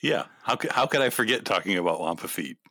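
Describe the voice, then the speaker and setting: A man's voice: lowish voice, animated, fast, pushed and bright. A man co-hosting a podcast in casual chat, recorded in an echoey, reverberant room. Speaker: podcast co-host.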